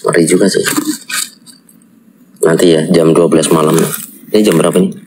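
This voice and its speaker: Male host, deep voice, urgent spiritual-guide manner on a horror vlog. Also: fairly even intonation, normal speed, darkish tone, a little hiss or hum, poor audio. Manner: urgent, repeated religious exclamations. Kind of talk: unscripted horror night vlog.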